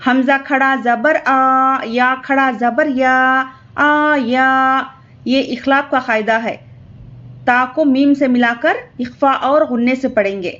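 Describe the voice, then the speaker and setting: A woman teaching Quran reading, spelling syllables slowly and drawn out, with quick explanations of the rules in between. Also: high voice, fairly bright tone, muffled recording. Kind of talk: slow letter-by-letter spelling lesson.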